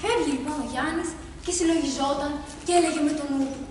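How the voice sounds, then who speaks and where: A woman reading a folk tale aloud expressively, sometimes turning to the listeners with questions. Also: sits high. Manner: expressive, addresses listeners directly. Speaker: storyteller. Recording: echoey hall, voice far from mic, background noise.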